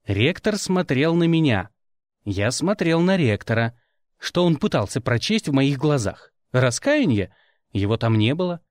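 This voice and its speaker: Wry male audiobook narrator, lively. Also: mid-range voice, measured pace, no room sound, studio quality. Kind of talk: first-person audiobook narration.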